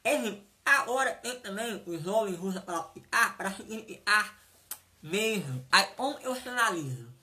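A woman's voice: mid-range voice, expressive, moderate pace, bright, forceful tone, slight background noise. A woman teaching sign language vocabulary, saying each word and repeating it, often checking whether the class has understood.

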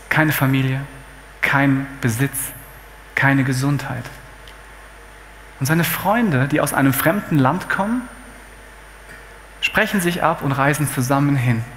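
A man's voice: fairly high pitch, a bit bright, slight background noise. A man preaching a sermon to his congregation, telling a story and breaking it up with casual, chatty asides. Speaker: pastor. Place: church hall. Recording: hall reverb, faint ambience.

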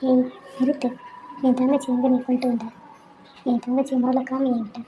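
A woman's voice: high voice, level tone, moderate pace, muffled recording, natural voice. A woman voicing a brave young woman who defiantly refuses help while searching for her sister, in a noisy recording. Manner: defiant, sharp.

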